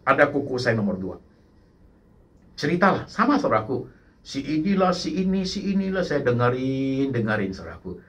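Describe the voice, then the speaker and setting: A male pastor preaching a sermon in an animated way, slipping English words in and often turning to address the congregation. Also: mid-range voice, moderate pace. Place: church service.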